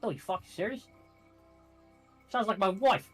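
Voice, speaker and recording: Brief: man playing a loud New York wise guy, swears nonstop, higher than his own voice. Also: animated, moderate pace, faint music behind. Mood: brash. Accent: put-on New York. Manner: brash, swearing constantly. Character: foul-mouthed brash male guide, New York tough. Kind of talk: reading game dialogue aloud in voices.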